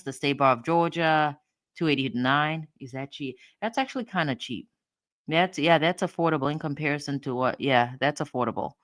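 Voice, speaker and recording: A woman's voice: very deep voice, a bit bright, no room sound, clean studio sound. A woman hosting a livestream, giving casual commentary on court documents as she thinks aloud and repeats her phrases. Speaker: livestream host.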